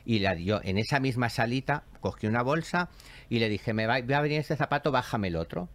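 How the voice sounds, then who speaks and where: Hombre expresivo narrando anécdotas con teatralidad. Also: male voice, mid-range voice, fairly quick. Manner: expressive, theatrical storyteller who acts out quoted voices. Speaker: show host, spiritual medium. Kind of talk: animated storytelling chat.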